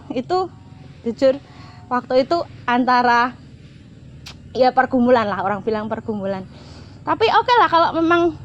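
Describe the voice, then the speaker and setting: A middle-aged woman, telling a heartfelt personal story as an interview guest, often repeating herself and swinging between bright and hushed. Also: sits high. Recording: slightly dull lo-fi sound.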